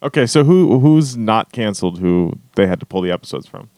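A man co-hosting a podcast in casual chat, joking and animated, with some swearing. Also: on the low side, fairly quick, dry recording. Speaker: podcast co-host.

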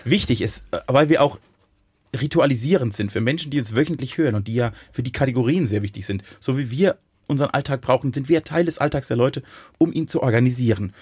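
A man's voice: medium pitch, fast, darkish tone, slightly rough, dry recording. A man co-hosting a podcast in a studio, playful and joking, often tripping over his own words in casual banter. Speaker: podcast co-host.

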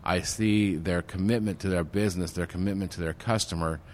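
A man with a very low voice explains things in a steady, patient way. He is recorded in a large banquet room, and a big hall echo hangs on every word. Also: a little fast, slight background noise. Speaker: networking group organizer. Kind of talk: interview guest explaining at length. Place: golf course banquet room with reverb.

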